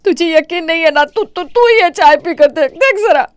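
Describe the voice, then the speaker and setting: Scheming old saas from a cartoon, wailing and dramatic, kinda high voice, dry sound, a lady puts her on. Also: animated, normal speed, no echo. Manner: wailing, theatrical complaints. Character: scheming older mother-in-law, melodramatic.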